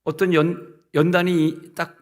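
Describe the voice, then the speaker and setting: A middle-aged male pastor delivers a sermon with a slightly high voice. He talks to the congregation as if in conversation, fires rhetorical questions at them, and slips into the voices of the people he quotes. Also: little pitch movement, slow pace. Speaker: senior pastor.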